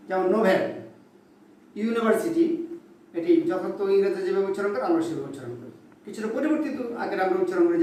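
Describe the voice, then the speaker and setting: High-pitched man lecturing in an echoey room. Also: darkish tone, far from the mic. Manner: slow, deliberate listing of example words. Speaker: Bangla grammar teacher. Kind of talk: classroom-style lecture. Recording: very echoey room, voice from off-mic, faint background noise.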